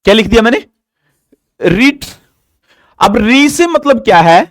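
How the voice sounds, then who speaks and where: A man's voice: no room sound, studio quality. A man teaching a live online grammar lesson, explaining step by step and asking questions that he answers himself. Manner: asks questions and answers them himself, drilling; slow, deliberate explaining with an animated pitch.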